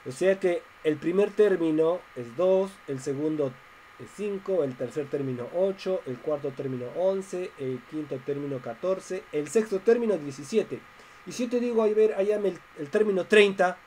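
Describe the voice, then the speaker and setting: A man's voice: high voice, animated, normal speed, mellow, slight background noise, low-quality recording. A man teaching a math class online, explaining step by step and asking his students questions.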